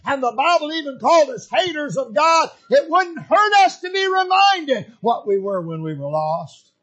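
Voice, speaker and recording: A man preaching a sermon, repeating his phrases for emphasis and building to fervent shouts. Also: very high-pitched, very animated, moderate pace, muffled recording.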